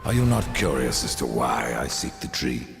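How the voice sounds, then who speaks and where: A grim horseman, terse and commanding, with a very deep, gravelly voice that swings widely in pitch. Loud music plays beneath this video game cutscene. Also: big pitch swings, moderate pace, exaggerated voice. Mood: curt. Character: Death, grim male horseman, cold and curt.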